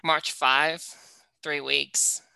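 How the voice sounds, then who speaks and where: A man with a bright, clear voice answers questions as a guest in a casual interview. His replies are short, literal and exact. The recording is dry, without room sound. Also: fairly high pitch, flat delivery, drawn-out words, no room sound. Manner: brief, literal, precise answers. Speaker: interview guest, reality show super fan.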